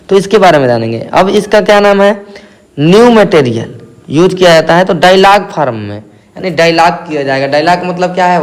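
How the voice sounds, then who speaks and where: Man teacher, north Indian accent, high voice, asks and answers his own questions, repeats key terms. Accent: Hindi-speaking north Indian. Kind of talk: exam-prep lecture.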